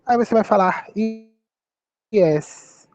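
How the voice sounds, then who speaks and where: A man's voice: sits high, takes it slowly, darkish tone, highs cut off. A man with a Brazilian Portuguese accent teaching English phrases, patiently repeating and spelling out words.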